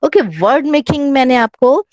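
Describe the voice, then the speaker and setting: A woman with an Indian accent and a high-sitting voice with lively intonation teaches children English in an online class, recorded on her class microphone with no room sound. She is slow and patient, mixing Hindi and English, spelling words letter by letter, and calling the children "beta".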